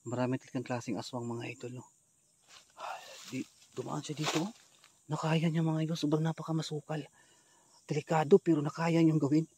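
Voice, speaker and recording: A man hosting a ghost-hunting vlog, talking straight to his viewers and swinging from hushed, nervous asides to loud, alarmed shouting. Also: fairly high pitch, level tone, a little fast, long pauses, slight background noise. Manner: talks straight to viewers as "idol". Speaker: ghost hunter vlogger.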